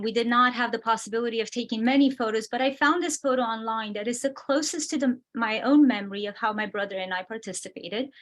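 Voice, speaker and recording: A woman from Romania giving a measured, explanatory prepared lecture over a video call. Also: fairly high pitch. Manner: measured, explanatory, reads from slides. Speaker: guest speaker.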